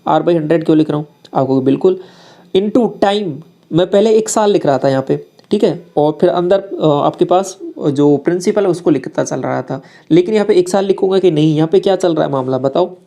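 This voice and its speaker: A man's voice: on the high side, normal speed, vocal fry, warm tone. A man teaching maths, working through exam problems step by step and speaking directly to his students. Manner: talks students through each step, asks them questions and answers in their voice.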